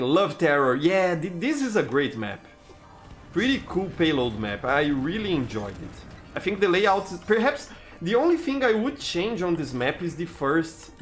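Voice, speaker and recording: A young Brazilian man with a Brazilian Portuguese accent and a slightly high, fairly bright voice streams live gameplay. He chats casually with his chat, restarting sentences often and saying "you know" a lot.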